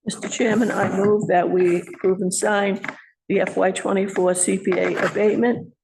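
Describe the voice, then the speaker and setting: A board member makes formal motions in a steady voice at a town meeting. The voice is gravelly. Faint noise sits behind it. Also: medium pitch, normal speed.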